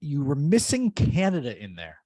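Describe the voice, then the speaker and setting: A man's voice: a little high, huge pitch swings, moderate pace, dark tone, no echo, studio quality. A man hosting an interview podcast, friendly and upbeat, often repeating a word as he starts a sentence. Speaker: podcast host.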